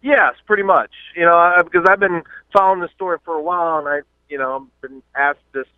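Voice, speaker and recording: A man's voice: fairly high pitch, quick pace, clean tone, no room sound. A man from the southern US calling in to a radio show by phone. He talks hesitantly, with many uhs, and trails off when pressed. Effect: calling in over a phone line. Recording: dry, tinny phone line.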